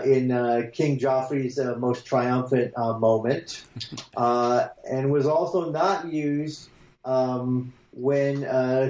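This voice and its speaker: A man's voice: medium pitch, a little mellow. Man sounding like he's in a hole. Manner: hesitant, many fillers and restarts. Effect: hollow echo, sounds like talking from inside a hole. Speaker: podcast co-host. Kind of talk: casual chat. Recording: echoey, muffled remote line.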